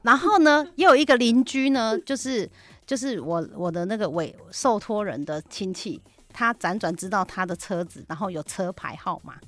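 Speaking at a moderate pace in a mid-range voice, this woman is a real estate agent appearing as a guest on a radio talk show. She recounts a story casually, bringing it to life by performing the quoted dialogue. Faint music plays behind her in a studio with no echo.

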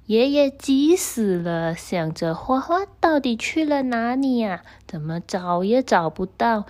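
A woman storyteller reading a story to children and gently speaking to them directly. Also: fairly high pitch, very animated, unhurried.

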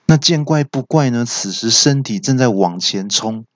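A man, a podcast host telling a comic tale in lively martial-arts style. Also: medium pitch, normal speed, dry recording, lo-fi sound. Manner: lively, wuxia-style action narration. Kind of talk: comic storytelling.

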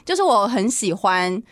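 A woman's voice: medium pitch, sing-song, takes it slowly, a bit bright, no room sound, clean studio sound. A woman co-hosting a podcast, chatting casually and laughing easily. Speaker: podcast co-host. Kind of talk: casual chat.

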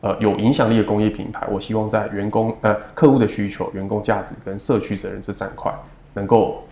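A man in his thirties with a Taiwanese Mandarin accent, speaking as an interview guest in a measured, reflective way with many fillers. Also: fairly low pitch, level tone, warm tone. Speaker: second-generation family business heir. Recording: roomy echo.

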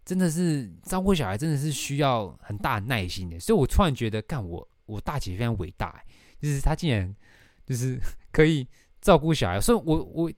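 A man's voice: mid-range voice, very animated, fairly quick, darkish tone, dry recording, studio quality. A young man with a Taiwanese Mandarin accent, hosting a casual podcast and telling a rambling story with casual swearing. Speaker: podcast host.

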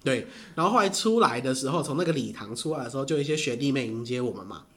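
A man, telling stories in casual chat, animated and laughing often. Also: mid-range voice, racing.

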